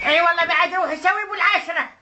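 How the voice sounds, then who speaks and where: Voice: very high voice, rapid-fire. A prankster voicing a pleading old Iraqi mother with coaxing endearments on a comic prank call in Iraqi Arabic. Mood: wheedling. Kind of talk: prank phone call impersonation. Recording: noisy amateur phone-call recording.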